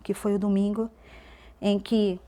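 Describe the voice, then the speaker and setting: A woman telling an emotional personal testimony as a podcast guest, swinging between loud and hushed delivery. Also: medium pitch, level tone, a little slow.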